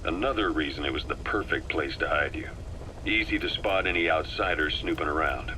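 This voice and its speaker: A composed, worldly military operative briefs a comrade in a video game, his low voice carrying a hard, bright edge. He is measured and matter-of-fact, and the audio is poor, with faint tape noise underneath.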